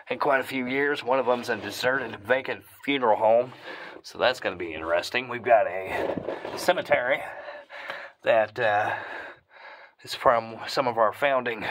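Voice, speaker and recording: A man talking casually as he explores inside a cave, hosting his own video, with a husky, breathy voice that often drops into hushed asides. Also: mid-range voice. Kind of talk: casual vlog narration while exploring. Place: inside a tight limestone cave.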